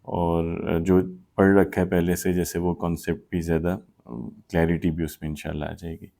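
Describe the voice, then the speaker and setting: A man's voice: sits low, level tone, vocal fry, mellow. A man teaching Arabic grammar in a live online class, patiently explaining with many examples.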